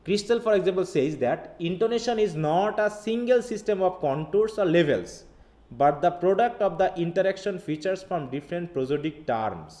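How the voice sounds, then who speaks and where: A man's voice: high-pitched, expressive, very slow, dark tone. A man teaching a live online linguistics class. He reads lines from a text, then explains them in a casual teaching style. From Bangladesh. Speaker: English literature teacher.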